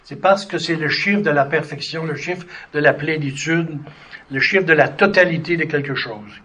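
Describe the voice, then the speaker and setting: A man's voice: fairly high pitch, normal speed, pushed and bright. Man teaching a Bible lesson. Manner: conversational, with many fillers and restarts, reads scripture aloud. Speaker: preacher teaching a Bible study. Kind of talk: sermon-style Bible teaching.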